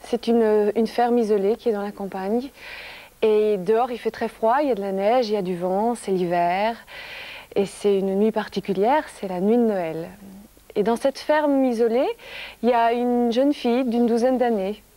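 A soft-spoken woman telling a story to children in a TV studio, sometimes dropping to a whisper. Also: a little high, moderate pace, no echo.

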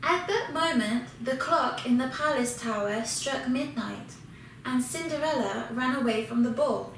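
A woman reading a children's storybook aloud, slow and expressive in a high voice. She sounds distant in a very echoey room, with a faint hiss underneath. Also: creaky.

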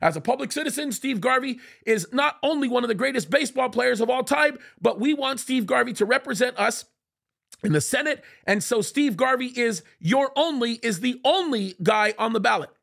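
With an extremely high pitch, vocal fry and a fairly bright tone, a man in his forties speaks at a moderate, animated clip. He's an American pastor commentator in a small dark studio, leather chair beneath him and boom mic in front, reading quotes aloud and rebutting them in fiery, indignant fashion.

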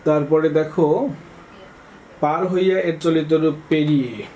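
A man teaching an exam-prep lesson, reading out quiz questions and answering each one briskly, often prompting students to look. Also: a little high, fairly even intonation, mellow, rough recording.

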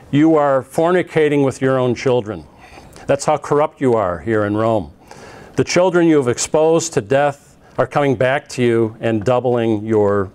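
Standing before a projected slide in a classroom, a middle-aged man gives a lecture in a mid-range voice, recorded up close on a lapel mic. His delivery is easygoing and conversational, full of "uh" fillers and phrases he starts over as he explains.

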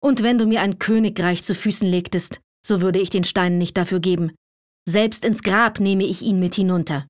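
A woman's voice: mid-range voice, measured pace, dry recording, close to an everyday voice. A woman voicing a proud, brooding young man who speaks coldly and bitterly, in a storybook reading. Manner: cold, dark and bitter. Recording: dry close recording.

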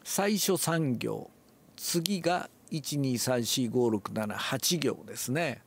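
An older man, relaxed and musing aloud, explains a classical Japanese text before reading it aloud and demonstrates with his voice. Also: mid-range voice, slow pace, husky. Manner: relaxed, talks to himself, demonstrates accents aloud. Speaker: reading teacher.

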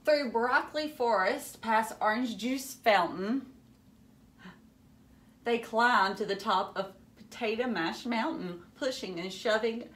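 At home, a woman in her thirties reads a picture book aloud with animated, dramatic flair, adding teacherly asides along the way. Her pitch sits fairly high.

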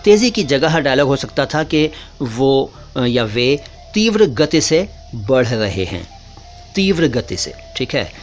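A man's voice: medium pitch, big pitch swings, slow pace, faint music behind. A man teaching word origins in a casual, patient lesson, often repeating key words and calling his viewers brother. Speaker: language teacher.

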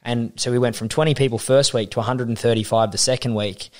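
Australian man telling lively stories. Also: mid-range voice, fast. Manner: animated storyteller acting out quotes. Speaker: podcast guest, identity coach. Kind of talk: casual interview chat.

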